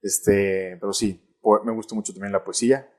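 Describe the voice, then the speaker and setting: Reflective priest, lowish voice. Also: male voice, fairly even intonation, moderate pace, warm tone. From Mexico. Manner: reflective, frequent tag "¿no?" and restarts. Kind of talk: casual interview conversation.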